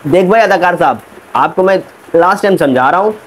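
Brief: man as an exasperated film director, high-pitched, scolding, barking slow cues. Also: lively intonation, a little hiss or hum, low-quality recording. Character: impatient shouting male film director, adult. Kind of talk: comic short film acting.

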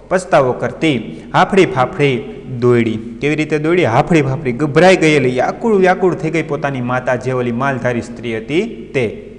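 A male teacher giving an online class, retelling a story and stopping often to explain the meaning of words. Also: medium pitch. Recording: long reverb.

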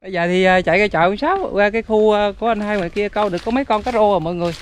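A man's voice: high voice, rapid-fire, music in the background. A man with a Southern Vietnamese accent, chatting casually to viewers in a rural fishing vlog, talking outdoors by a canal. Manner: chatty, laughing, addresses viewers. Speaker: vlogger.

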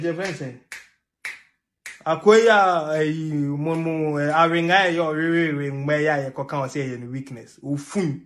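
A young Ghanaian-accented man with a high, slightly bright voice delivers emphatic political commentary to the camera, switching between English and Twi. He laughs in the middle of his rant. He's in a small indoor room with a TV behind him.

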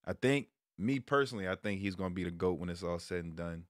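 Fast and lively in intonation, this low-voiced American man in his thirties chats about sports to camera in a casual, slangy way. He's a streamer and sports vlog host sitting in a small room at home, headset on, with a close stand mic yielding clean studio sound free of room noise.

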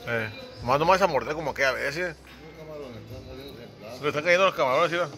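A man's voice: fairly high pitch, a little fast, bright, forceful tone. Teasing Mexican man, music behind. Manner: playful, teasing, laughs often. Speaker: vlogger filming a friend. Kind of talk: casual teasing chat. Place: seafood restaurant.

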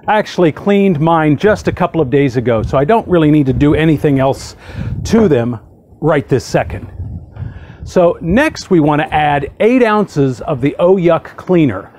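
A man's voice: on the high side, darkish tone, a little hiss or hum. Chatty man demonstrating outdoors. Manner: upbeat, chatty, talks while doing tasks. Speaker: hot tub how-to host. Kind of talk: casual instructional demo. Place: outdoor backyard beside a hot tub.

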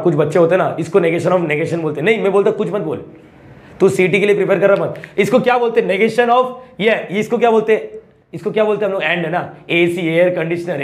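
High-voiced man teaching math. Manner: colloquial, asks students frequent check questions. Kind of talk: classroom lecture.

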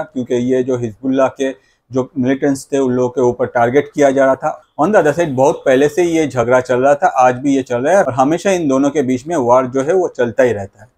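This host and video creator has a mid-range, slightly mellow voice. Recorded on a lapel mic in a small, plain room, he walks the camera through the news in an explanatory way, with recurring catchphrases and bits of English thrown in.

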